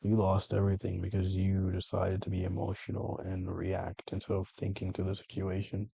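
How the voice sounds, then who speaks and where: A man's voice: low voice, monotone, moderate pace, creaky, mellow, breathy edge, dry recording. A man talking through his feelings in a meandering personal monologue, often correcting himself and swearing. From United States. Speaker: vlogger.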